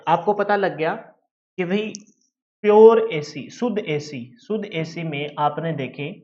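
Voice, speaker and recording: In a classroom lecture, a male teacher with a fairly high voice poses questions and then answers them himself, addressing his students as "beta." The recording is muffled.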